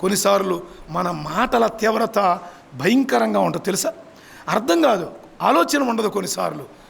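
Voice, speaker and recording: A man's voice: sits high, expressive, normal speed, creaky, a bit bright, slightly rough. A man preaching, emphatic and constantly questioning his congregation. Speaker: pastor. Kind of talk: sermon. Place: church.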